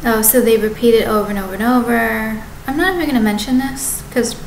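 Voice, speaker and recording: A woman in her thirties with a fairly high pitch rambles to her webcam as a vlogger, halting and repeatedly restarting and correcting herself. She's in her apartment living room with the kitchen behind, recorded at desk distance in an echoey room with background noise.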